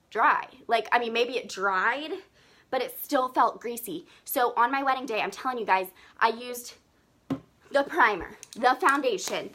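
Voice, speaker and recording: Young female live-stream beauty vlogger, excitable and gushing, slightly out of breath, sharp bright tone. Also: on the high side, slight background noise. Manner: gushing, excitable, lots of "like" and "seriously". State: breathing heavily. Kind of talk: live makeup comparison video.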